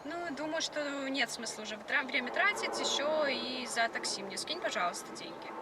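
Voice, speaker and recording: A woman's voice: high-pitched, lively intonation, normal speed. A young woman from Moscow chatting on a date in a matter-of-fact, demanding way. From Moscow, Russia. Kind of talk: casual date banter. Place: inside a car. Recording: distant in-car sound, faint noise.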